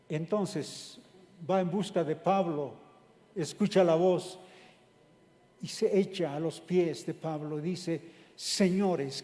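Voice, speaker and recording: A man's voice: high voice, mellow, in a large hall. A man preaching a sermon, who retells a scripture story step by step and then explains it.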